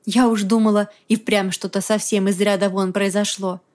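A woman reading an audiobook, voicing a gentle young woman who speaks in a soft, soothing, reasonable way. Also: mid-range voice, level tone, moderate pace, close to an everyday voice. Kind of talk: audiobook character voice.

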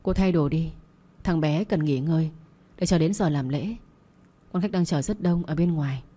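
A woman voicing a stern male servant who carries out his master's threats, speaking coldly and flatly. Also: fairly high pitch, normal speed, natural voice. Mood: businesslike.

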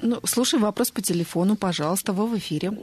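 A radio host briskly reading out listener questions and taking calls in a studio. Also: medium pitch, over music. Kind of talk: hosting a call-in show.

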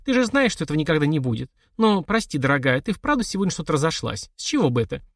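A man voicing a gentle noblewoman. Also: a little high, big pitch swings, fast talker, no room sound, clean studio sound, voice pushed up. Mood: affectionate. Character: caring sensible married noblewoman.

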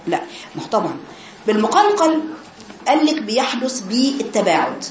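A woman with an Egyptian accent teaching tajweed to girls, slowly repeating sounds to demonstrate and correcting mistakes. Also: fairly high pitch, big pitch swings, echoey room, slight background noise, rough recording. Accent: Egyptian Arabic. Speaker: Quran recitation teacher.

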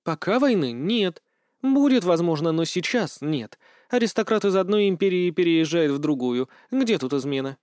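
A man reading aloud voices a bold, sharp-tongued young wife with a brash, teasing manner. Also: fairly high pitch, lively intonation, normal speed, clean tone, no room sound, studio quality, voice pushed up, natural voice. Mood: scolding.

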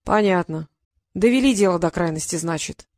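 A woman's voice: fairly low pitch, normal speed, a little mellow, no room sound, natural voice. A weary, grumpy old wizard, as a woman reads him from a storybook, sardonic and fed up with everyone around him. The sound is dry and close to the mic. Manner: exasperated, sardonic. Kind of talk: audiobook reading.

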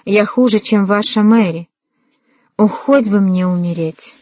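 A woman's voice: mid-range voice, measured pace, darkish tone, dry recording, lightly acted. A woman voicing a proud young woman who turns hysterical and tearful, in an audiobook reading. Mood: sobbing. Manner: stiff and prim, then hysterical and tearful.

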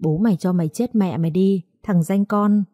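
A woman's voice: mid-range voice, normal speed, warm tone, no room sound, clean studio sound, lightly acted. A woman reading aloud, voicing a crude, threatening male debt-collector thug. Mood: furious. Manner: vulgar, taunting, threatening.

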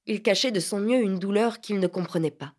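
A woman reads a literary novel aloud as an audiobook narrator. Her delivery is measured and expressive, at a middle pitch.

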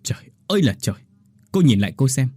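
A man's voice: medium pitch, big pitch swings, fairly quick, a little mellow, no room sound. A man voicing an arrogant, angry husband who scolds his wife harshly and with contempt. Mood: contemptuous anger. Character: angry arrogant male sales director husband.

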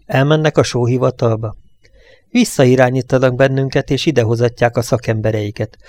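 A man playing a gruff, impatient truck driver. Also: mid-range voice, a little mellow, no room sound, natural voice. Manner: gruff and scolding.

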